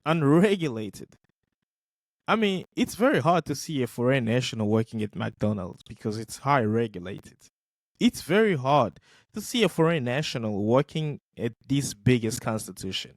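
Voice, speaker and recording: A podcast host reacts casually to video clips, speaking English as a non-native language. He's emphatic and repeats points for stress. His mid-range voice is very animated at a moderate pace, and the recording is dry.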